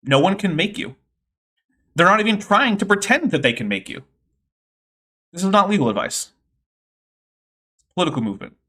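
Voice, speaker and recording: A man's voice: high voice, animated, moderate pace, pauses often, bright, forceful tone. A man giving casual, sardonic commentary while reacting to a debate clip on his stream, rambling with fillers.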